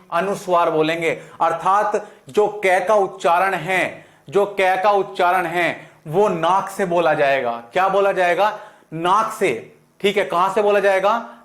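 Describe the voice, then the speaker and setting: A man with a western Uttar Pradesh accent teaches Hindi, asking questions and answering them himself. His voice sits high for a man. The sound echoes around a classroom. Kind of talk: classroom lesson.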